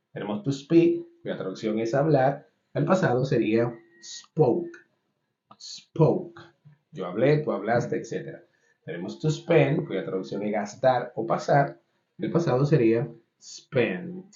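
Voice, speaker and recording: Man, language teacher, methodical, repeats each word, echoey room, muffled sound. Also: medium pitch. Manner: steady list-by-list explaining, repeating each English word. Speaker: English teacher. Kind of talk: explanatory online lesson. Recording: roomy, dull lo-fi sound.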